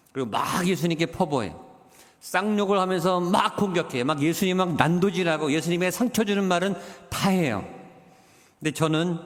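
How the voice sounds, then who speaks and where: A man delivers a sermon in a fairly high voice. He presses hard on the key points, then sinks to quiet, drawn-out phrases. The sound rings with a long reverb, as in a hall. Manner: preaching with emphatic rises and quiet, slowed drops. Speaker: pastor.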